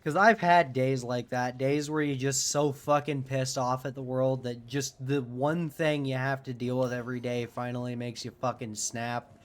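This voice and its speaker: A man's voice: medium pitch, fairly even intonation, moderate pace, hardly any pauses. A man giving casual gameplay commentary as a streamer, candid and swearing a lot. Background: game music.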